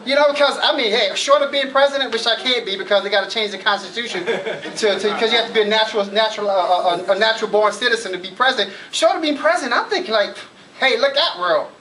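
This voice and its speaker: A man's voice: high voice, fast, bright, forceful tone, poor audio. A middle-aged man giving a motivational keynote speech at a college event, telling stories and acting out his own inner thoughts with building emphasis. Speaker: keynote speaker.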